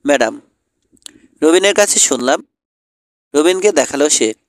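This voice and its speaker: A man's voice: on the high side, animated, a little slow, no room sound, studio quality. A man voicing a clever, polite teenage boy detective who speaks earnestly.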